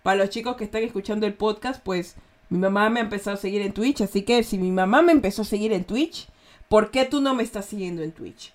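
A chatty woman with an Ecuadorian accent, her pitch sitting in an ordinary middle range. She hosts a relaxed slang lesson, explaining expressions with examples and asking her listeners whether they are following. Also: fast. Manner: chatty, checks in with "¿ya?" often. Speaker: host teaching slang.

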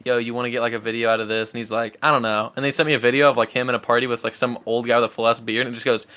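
A man's voice: medium pitch, level tone, rapid-fire, sharp tone. A young man co-hosting a casual podcast, telling rambling stories and laughing often. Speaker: podcast co-host. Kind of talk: casual chat.

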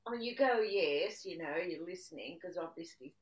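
A woman's voice: fairly low pitch, lively intonation, fast, highs cut off. A woman in casual conversation who tells a wry anecdote in a chatty way. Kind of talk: casual chat.

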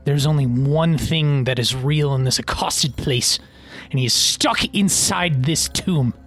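A bitter man with cosmic powers acted out by a game master, mid-pitched and cold. He declares his obsession with resolve, over faint music in a fantasy tabletop game. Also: unhurried, a bit bright. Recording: music behind.

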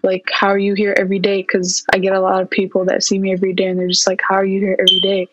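A woman's voice: medium pitch, racing, dry recording, soft background music, low-quality recording. A young woman from Palestine, a guest on a podcast, talking casually about her fitness coaching, with plenty of "like" and "yeah" fillers. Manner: relaxed, lots of "like" and "yeah". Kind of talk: casual interview chat.

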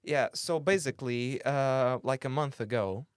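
A man's voice: mid-range voice, a little slow, smooth. A young man co-hosting a casual podcast chat, joking, teasing and swearing freely. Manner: jokey, teasing, swears freely, puts on silly voices. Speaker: podcast co-host.

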